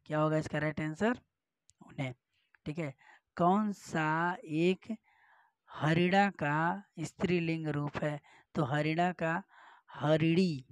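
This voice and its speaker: A Hindi teacher going through exam practice questions, explaining each answer with rhetorical questions and repetition. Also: male voice, on the high side, no room sound. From northern India.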